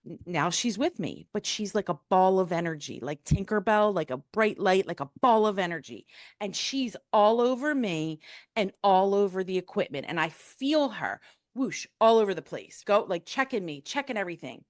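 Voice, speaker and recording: A woman in her fifties, a guest telling a personal story in a frank, casual, animated way, acting out the people she quotes. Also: medium pitch, normal speed, no echo, studio quality.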